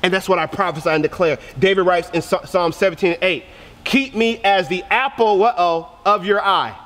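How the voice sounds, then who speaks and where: Youth pastor, man, high and bright tone, driving sermon delivery with heavy repetition, church hall reverb. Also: normal speed. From Korea. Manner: passionate preaching, repeats phrases for emphasis.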